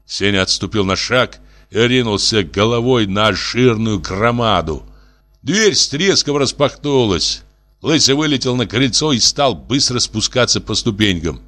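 A man narrates a literary story aloud. His pitch moves a great deal as he tells it, giving every moment an expressive, performed shape. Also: unhurried.

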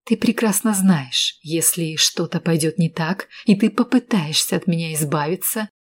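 A woman reading an audiobook, voicing a cool, calculating woman who speaks in a calm, measured and insistent way. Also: fairly low pitch, slightly rough. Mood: cold, insistent. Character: cool, calculating woman, steady under pressure.

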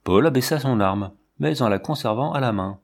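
A classic novel is narrated as an audiobook by a man whose medium-pitched voice has a creaky quality, and his delivery stays steady and measured.

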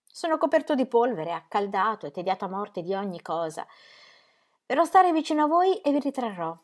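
A woman's voice: mid-range voice, big pitch swings, brisk, voice pushed up. A woman reading the part of a weary, charming man, a painter, in a languid, playful, theatrical manner. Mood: flirtatious.

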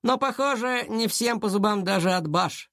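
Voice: mid-range voice, normal speed, a bit bright, dry recording, pitched above the performer's own voice, lightly acted. A reader voicing a schoolboy sidekick who sneers with dry irony. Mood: ironic sneering. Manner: ironic, sneering.

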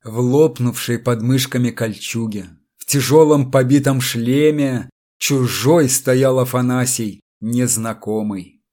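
Male audiobook narrator, expressive storytelling. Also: medium pitch, slow pace. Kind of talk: scripted narration.

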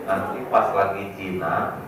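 A man's voice: low-pitched, little pitch movement, unhurried, over a noisy crowd. A male preacher, giving a humorous sermon and teasing the audience with questions. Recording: echoey hall, distant mic, faint noise.

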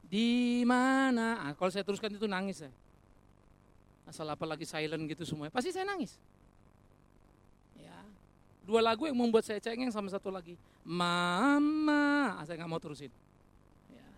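With a high voice and vocal fry, a pastor delivers an animated, colloquial sermon. He throws out rhetorical questions and humorous asides and speaks directly to his congregation.

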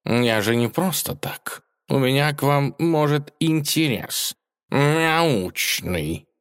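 A man's voice: medium pitch, expressive, slow pace, a bit bright, clear, resonant tone, voice pushed up. A man voicing a fussy, awkward male scholar cat in a storybook tale, puffing and grumbling. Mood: sheepish.

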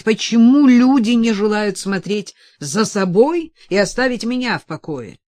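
A woman's voice: lowish voice, a little mellow, no room sound, studio quality. A woman reading the lines of an indignant middle-aged male senator in an audiobook, with emphatic delivery.

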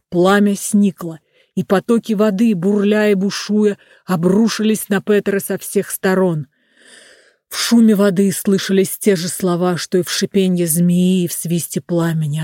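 A storyteller reading a fairy tale aloud in a measured, even way. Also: medium pitch, no room sound, studio quality. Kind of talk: scripted narration of a fairy tale.

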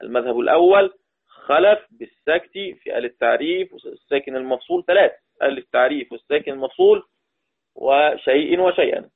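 An Egyptian Quran recitation teacher with an Egyptian Arabic accent gives a classroom lesson, very animated, slowly repeating each point and quizzing the class to make sure students follow. His voice is a little high for a man. The audio is tinny, thin and narrow, like a phone line.

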